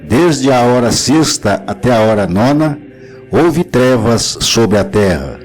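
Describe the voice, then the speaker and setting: A man giving a solemn, measured devotional narration with scripture readings. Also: mid-range voice, big pitch swings, a little mellow, soft background music, low-quality recording.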